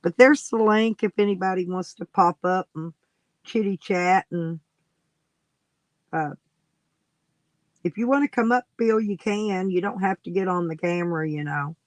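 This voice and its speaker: A man's voice: sits high, a little slow, long pauses, no echo, poor audio. A man hosting a casual livestream, rambling and coaxing viewers to come on and chat. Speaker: livestream host.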